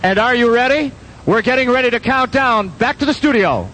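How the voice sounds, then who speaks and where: An American man hosting a live radio event with excited, dramatic announcing. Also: very high voice, fairly quick, heavy background noise. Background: loud music.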